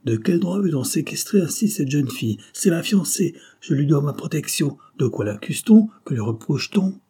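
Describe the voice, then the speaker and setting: Insolent young soldier in a storybook, voiced by a male narrator. He is haughty and indignant, quick to take offense, with a husky, slightly raised voice that sounds defiant. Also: medium pitch, level tone, dark tone.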